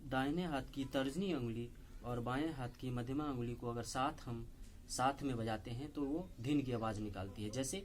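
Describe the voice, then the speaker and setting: A man teaching tabla step by step, explaining slowly and patiently and saying the drum syllables aloud between strokes. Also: medium pitch. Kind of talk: step-by-step music lesson. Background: loud tabla playing.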